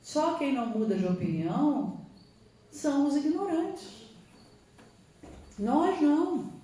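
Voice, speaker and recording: A woman's voice: high voice, lively intonation, slow, mellow. Brazilian woman lecturing in an echoey hall. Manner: earnest and emphatic, asks rhetorical questions. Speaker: lecturer at a spiritist center; psychologist. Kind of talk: spiritual lecture to an audience. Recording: echoey hall, distant mic, faint noise.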